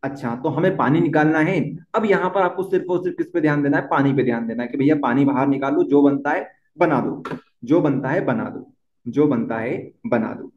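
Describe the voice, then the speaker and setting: A man's voice: mid-range voice, a little fast. A young man teaching a chemistry lesson, often repeating key points and asking the class questions. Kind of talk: board-exam lesson at a whiteboard. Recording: dull, echoey room.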